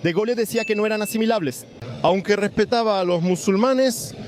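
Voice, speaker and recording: A man with a notably high voice gives a street interviewer his firm opinions without softening them. He speaks directly and insists on his view. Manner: blunt, opinionated.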